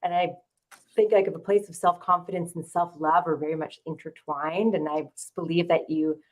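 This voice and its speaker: A woman coach speaking as a guest on an online panel, bubbly and excitable. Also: fairly low pitch, moderate pace. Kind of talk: casual online panel chat.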